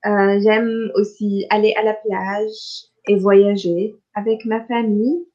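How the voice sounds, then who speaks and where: In a lo-fi clip, a Tunisian woman who grew up speaking Arabic acts as a French conversation partner, keeping the practice talk slow. She has a warm, mid-range voice with a level tone, and she stays patient and clear, asking her questions more than once.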